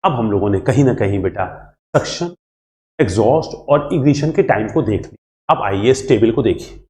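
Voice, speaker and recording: A man teaching an engineering exam class in a lively, repetitive way, acting out student questions and answering them himself. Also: fairly low pitch, moderate pace. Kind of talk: classroom lecture. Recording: echoey room.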